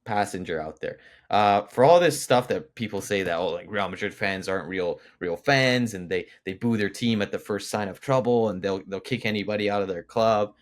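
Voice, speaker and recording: Young man, very deep voice, football podcast co-host, casual rambling chat, emphatic, many fillers. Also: normal speed, few pauses.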